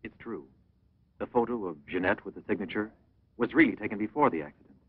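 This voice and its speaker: An earnest young man in love voiced by a man speaks in a low, sincere voice. The sound is thin and tinny like a phone line, and completely dry. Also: fast talker, no echo, natural voice. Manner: earnest and apologetic. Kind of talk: 1960s English film dub.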